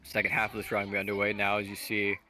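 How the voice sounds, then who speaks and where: Rapid-fire male esports caster. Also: on the low side, completely flat delivery, sharp tone, faint music behind. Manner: rapid-fire play-by-play, self-described auctioneer pace. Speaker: esports commentator. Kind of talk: fast play-by-play commentary.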